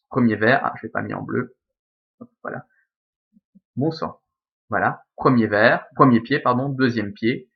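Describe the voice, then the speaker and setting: Methodical man teaching Latin verse. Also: mid-range voice. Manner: methodical, counts aloud, frequent "ok?" and "hop". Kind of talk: recorded lesson explaining verse scansion. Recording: slightly dull lo-fi recording.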